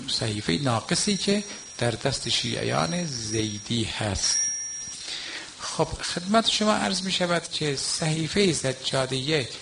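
An older male cleric delivers a mourning sermon in a gravelly voice, with a faint ambient hum behind him. He is emphatic, dropping to quiet asides and then lifting into raised exhortation. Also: mid-range voice. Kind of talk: Muharram mourning-night sermon.

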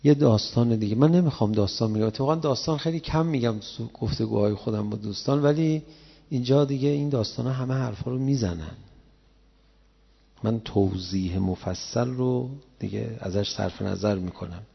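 A man preaching a sermon, telling stories in a conversational way and rising to loud emotional cries. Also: lowish voice, creaky, slightly rough. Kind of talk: sermon with storytelling. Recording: dull lo-fi sound with long hall reverb.

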